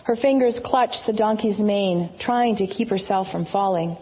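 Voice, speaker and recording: A woman narrating a storybook reading in a measured, reverent manner. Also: mid-range voice, lo-fi sound.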